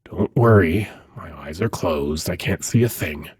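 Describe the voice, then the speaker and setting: In this ASMR piece, a man's low-pitched, breathy voice portrays a tempting demon prince, playfully coaxing the listener. He often nears a whisper, unhurried and silky, gently menacing, with slight background noise.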